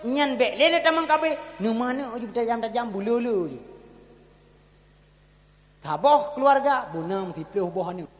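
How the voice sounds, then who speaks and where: Male Acehnese preacher, very high voice, loud-soft sermon rhythm, recorded with long hall reverb. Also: lively intonation, unhurried, pauses often. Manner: rises loud on one phrase, drops low on the next. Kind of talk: Islamic sermon at a religious gathering. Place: large hall at a religious gathering.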